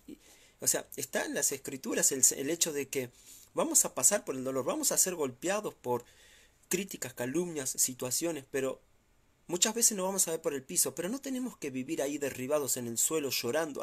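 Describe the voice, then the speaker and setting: A male pastor preaching a sermon in a church, exhorting listeners with repeated urgent phrases and rising emphasis. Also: breathy edge. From Argentina. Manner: exhorting, repetitive urging, rises in pitch when pressing a point.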